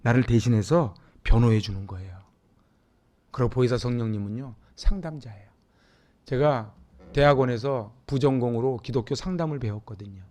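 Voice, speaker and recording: A middle-aged Korean man from Seoul preaching a Sunday sermon as pastor, talking with the congregation and swinging between loud emphatic peaks and hushed, near-whispered asides. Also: medium pitch, moderate pace. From Seoul, South Korea. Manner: conversational, asks the congregation questions.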